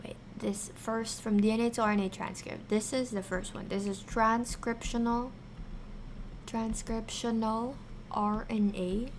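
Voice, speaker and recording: A woman hosting a casual livestream science lesson, thinking aloud haltingly and repeating key terms as she chats with viewers. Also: fairly high pitch, flat delivery, noisy background. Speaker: science streamer, virtual avatar host.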